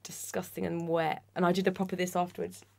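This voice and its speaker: A young woman, an author and performance poet, telling stories in lively, animated casual chat. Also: fairly low pitch, fast talker, creaky. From England. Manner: lively, animated storyteller who acts out quoted voices.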